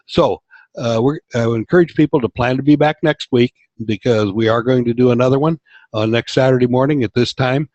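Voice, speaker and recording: A man's voice: medium pitch, fairly quick, darkish tone, dry recording. A man hosting a casual online business meeting, upbeat and encouraging, speaking over a call. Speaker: webinar host. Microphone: video call. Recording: dull lo-fi call audio.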